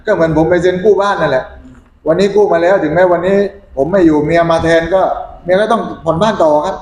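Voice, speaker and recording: A man's voice: high-pitched, quick pace, a little mellow, roomy sound, rough recording. A man interviewing a local council member, asking probing questions in casual talk.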